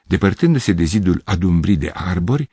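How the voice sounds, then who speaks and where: A man narrates a literary story in a measured, steady reading. His voice is deep and husky. The sound is dry and close. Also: dry recording.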